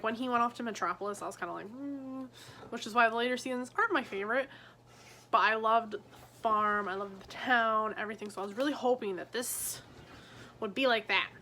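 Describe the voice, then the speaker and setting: A woman chatting casually about books she read, full of "like" and quick asides. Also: mid-range voice, sharp tone, a little hiss or hum. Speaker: book vlogger. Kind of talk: casual book review chat. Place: at home on her bed.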